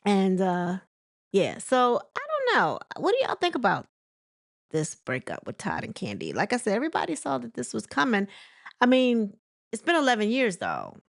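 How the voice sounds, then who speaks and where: A woman's voice: mid-range voice, wildly swooping pitch, moderate pace, creaky, no room sound, studio quality. A woman chatting casually about celebrity gossip, rambling with lots of fillers and restarts. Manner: chatty and conversational. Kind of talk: casual commentary.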